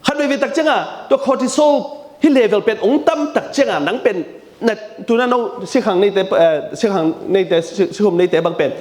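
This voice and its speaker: A man delivers a sermon with a high voice that swoops up and down as he talks. He repeats phrases for emphasis and drops English terms into his preaching. The sound bounces around an echoey room. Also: moderate pace. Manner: lively, animated delivery with frequent repetition.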